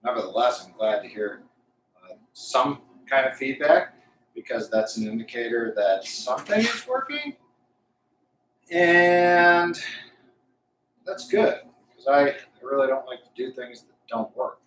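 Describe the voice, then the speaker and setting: A man live streaming casual, unscripted talk, thinking aloud haltingly as he tests a Bluetooth mic. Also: mid-range voice, lively intonation, a bit bright. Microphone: Bluetooth lapel mic. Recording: echoey, distant Bluetooth mic, faint noise.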